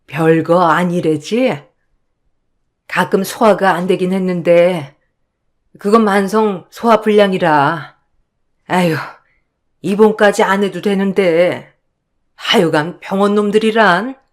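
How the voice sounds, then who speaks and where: Woman voicing a gentle resigned old mother. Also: on the low side, slow, long pauses. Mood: dismissive. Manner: soothing, resigned. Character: gentle older mother, terminally ill. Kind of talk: radio drama acting.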